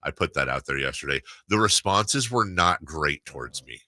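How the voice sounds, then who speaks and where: The deep, bright voice of this sports radio host has a hard edge, captured up close in a dry recording with no echo. He's animated and loose, chatting about sports with wry humor and frequent halting restarts.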